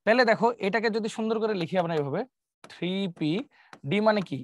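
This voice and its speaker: A man's voice: sits high, lively intonation, fast talker, dry recording. A male chemistry teacher, giving an exam-prep lecture and explaining step by step by asking and answering his own questions, with English terms mixed in. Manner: mixes English terms into colloquial Bengali.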